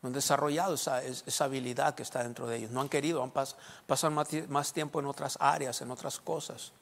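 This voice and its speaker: Preacher in an echoey hall. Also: male voice, medium pitch, steady tone, fast talker, gravelly, a bit bright. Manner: asks rhetorical questions and answers them himself. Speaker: pastor. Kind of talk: sermon.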